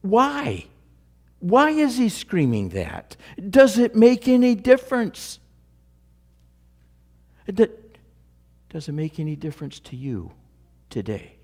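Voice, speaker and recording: A man preaching a sermon, dramatic in his delivery and dropping to a near hush at key moments. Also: high voice, wildly swooping pitch, slow, pauses often. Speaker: pastor.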